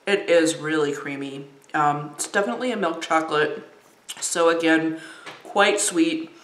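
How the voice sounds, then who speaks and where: A woman's voice: low-pitched, unhurried. A woman chatting casually while reviewing and tasting snacks, with lots of ums. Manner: chatty, warm, frequent ums. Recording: roomy echo.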